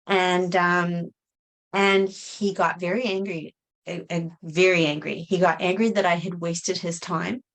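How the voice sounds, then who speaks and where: Middle-aged lady vlogging, lowish voice, lots of ums and restarts. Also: little pitch movement, unhurried. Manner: hesitant, many fillers and restarts. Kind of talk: casual talk to camera.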